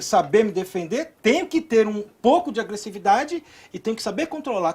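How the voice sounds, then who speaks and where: A woman hosting an interview, asking quick, chatty questions with asides. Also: a little high, slightly rough. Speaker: interview host.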